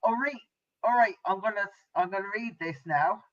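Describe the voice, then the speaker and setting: A woman's voice: mid-range voice, normal speed. A woman hosting a casual video-call panel, playful and chatty, reading a statement aloud. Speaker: host. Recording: dull lo-fi call audio.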